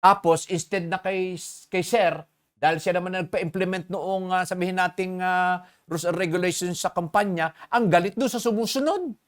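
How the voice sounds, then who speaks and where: A preacher giving a sermon, who keeps asking the congregation questions, mixes English phrases into the talk and reads scripture slowly and with emphasis. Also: mid-range voice. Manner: asks the congregation rhetorical questions.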